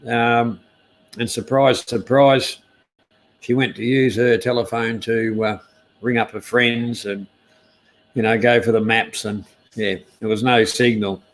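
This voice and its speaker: A man's voice: medium pitch, level tone, unhurried. An Australian man hosting a casual live stream news chat, speaking in a laconic, hesitant, easygoing outback drawl.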